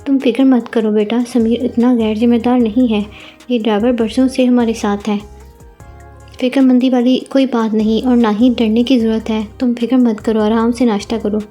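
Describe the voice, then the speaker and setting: A woman voicing a kind middle-aged mother-in-law who talks in a gentle, reassuring way. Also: a little high, little pitch movement, moderate pace, soft background music, lightly acted. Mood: soothing.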